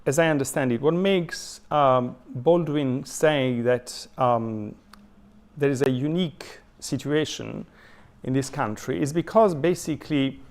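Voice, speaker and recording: An Italian-accented man lectures in a thoughtful, halting way, often pausing with fillers and restarting his sentences. His voice has a gravelly edge at a middling pitch, and he reads quotations aloud as he explains them. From southern Italy. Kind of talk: adult education lecture.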